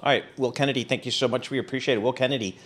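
A man delivers rapid market news as a radio co-host, in conversational, punchy short phrases. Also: mid-range voice, steady tone, a bit bright.

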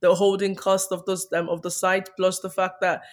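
A woman's voice: on the low side, little pitch movement, normal speed. A woman talking casually as an interview guest, upbeat but often stumbling and repeating words as she explains her work. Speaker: podcast guest, property developer.

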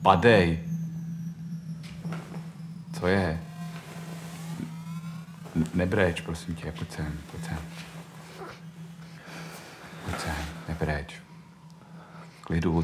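A man's voice: low voice, noisy background, lightly acted. A man playing a brusque, uneasy host. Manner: brusque, then soothing. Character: anxious man, defensive and brusque. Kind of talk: radio drama acting.

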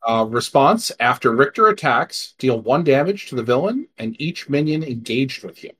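A man co-hosting a podcast in casual chat, reading card text in a deadpan way. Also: medium pitch, moderate pace, a little hiss or hum. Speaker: podcast co-host.

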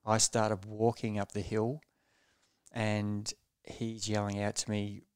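A man recalls his racing days as a podcast guest, speaking in a measured, low-key way. His voice sits low and stays flat and even. It comes through smooth and resonant in a dry, close recording. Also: no room sound. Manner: measured and low-key, often restarting phrases. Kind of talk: reflective storytelling in a podcast interview.

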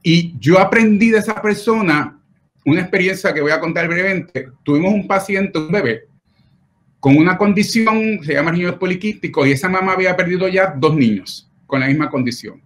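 Earnest man, slightly high voice. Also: a little fast. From Puerto Rico. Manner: emotional, earnest, with frequent tag questions. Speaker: pediatric nephrologist. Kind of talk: personal storytelling in an interview.

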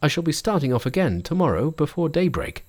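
A man voicing a calm, courteous male pilgrim monk in a storybook reading, in a polite, measured way. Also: fairly high pitch, voice pushed up.

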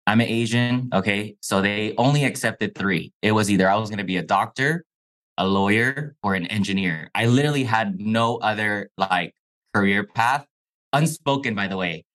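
Raised in Mexico and a native Chinese speaker, a young man with a lowish, fairly bright voice describes his childhood as a podcast guest. He's laid-back at a moderate pace, often saying "bro" and "like," and the recording is rough.

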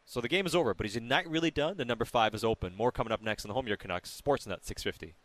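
Fast-talking male sports radio host. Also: medium pitch, dry recording. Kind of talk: live sports talk radio.

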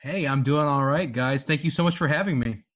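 A man's voice: fairly high pitch, brisk, a bit bright. A man in his thirties from Texas and Pakistan, a journalist telling his story as a podcast guest in an easygoing, expansive way. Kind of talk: interview storytelling.

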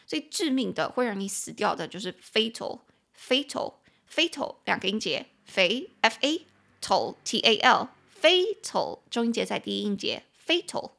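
Taiwanese woman, podcast English teacher, slight vocal fry, reads lines slowly then chats through them. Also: medium pitch, very animated, fairly bright tone. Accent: Taiwanese Mandarin. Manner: chatty, explanatory. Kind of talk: bilingual language-lesson podcast.

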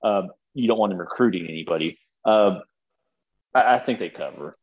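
A man in casual sports-betting chat, rambling and quick to laugh. His voice sits at an ordinary pitch, and the recording sounds dull and lo-fi, as if the mic has its top end cut. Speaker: sports podcast co-host.

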